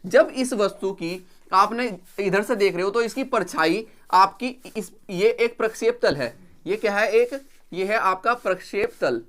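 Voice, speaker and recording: A man's voice: high voice, animated, unhurried, a bit bright. Man teaching drawing, repeats key words, asks rhetorical questions, patient drilling. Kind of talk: classroom-style explanation at a drawing board.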